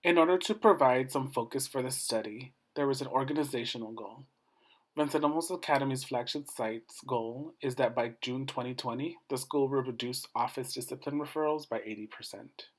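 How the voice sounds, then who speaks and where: A man delivering a formal, scripted academic presentation as a doctoral student, in measured short phrases that step through each point in order. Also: mid-range voice.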